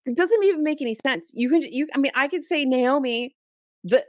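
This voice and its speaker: A woman's voice: sits high, fairly quick, dry recording. Ranting woman on a close podcast mic. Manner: animated, exasperated ranting with many restarts. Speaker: podcast co-host. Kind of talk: casual chat.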